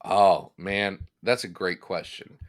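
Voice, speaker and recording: A man co-hosting a comics podcast in casual comedic chat, jokey and animated, swinging between loud bursts and mumbles. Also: deep voice, takes it slowly. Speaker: podcast co-host.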